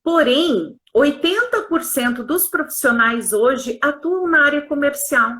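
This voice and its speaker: A woman who works as a pharmacist and consultant earnestly explains her work in a live-stream conversation, often using tag questions. Her high voice is animated, a bit bright and unhurried.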